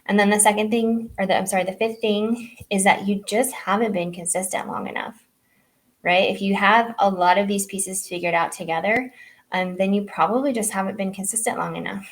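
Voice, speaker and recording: A woman's voice: mid-range voice, fairly even intonation, brisk. A middle-aged woman health coach giving a casual live online training, talking loosely with many fillers and "right?" tags.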